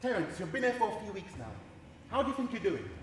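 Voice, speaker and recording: A man acting out an encouraging gym manager with a high, animated voice that rises and falls. His lines echo in a big hall with a long reverb. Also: quick pace, slight background noise. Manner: encouraging, playful. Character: upbeat gym manager praising a worker. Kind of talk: stage play acting.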